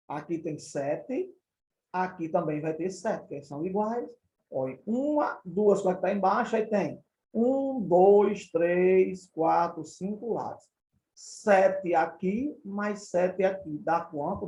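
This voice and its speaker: Slow, patient Brazilian math teacher. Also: male voice, high voice, darkish tone, reverberant, rough recording. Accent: Brazilian Portuguese. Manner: patient, repeats and counts out examples step by step. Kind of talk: recorded classroom lesson.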